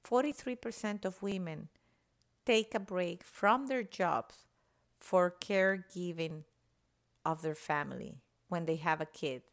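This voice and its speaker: A woman's voice: on the low side, a little slow. A woman from Venezuela, speaking passionately and emphatically in a podcast monologue. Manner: passionate, emphatic, citing statistics. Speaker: podcast guest.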